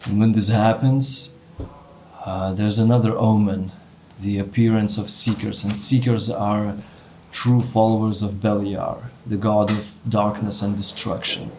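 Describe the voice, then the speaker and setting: A man narrating a tabletop game as game master, speaking in a measured, warning tone with pauses. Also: fairly low pitch, little pitch movement, a little hiss or hum.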